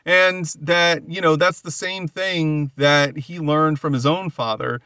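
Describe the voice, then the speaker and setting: A man's voice: on the high side, fairly even intonation, slow, sharp tone, clear, resonant tone, no room sound, clean studio sound. A man hosting a podcast, casually retelling a comic book's story and loosely paraphrasing what the characters say. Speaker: podcast host. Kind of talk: casual comic book recap.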